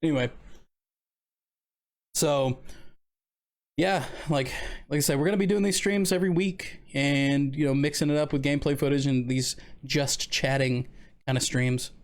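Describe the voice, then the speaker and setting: A man's voice: on the high side, steady tone, normal speed, long pauses. A man in his thirties hosting a casual live stream, talking in a rambling, laid-back way with many fillers and restarts. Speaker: streamer host.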